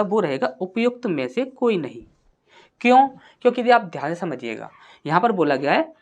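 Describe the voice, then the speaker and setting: Preparing students for an exam, a woman teaching grammar answers her own questions and reads out example sentences at a slow, deliberate pace. Her pitch is fairly low.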